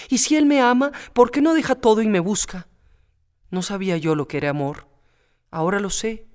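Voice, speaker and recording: A man's voice: high voice, clean tone. A man reading a storybook aloud and voicing a young widow torn by love, pleading and impassioned.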